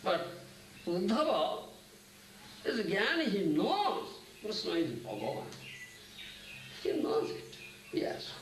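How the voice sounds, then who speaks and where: A man's voice: high voice, huge pitch swings, takes it slowly, pauses often, a little hiss or hum. A man giving a sermon as a spiritual teacher, often asking his listeners "huh? isn't it?". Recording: echoey room, mic at a distance.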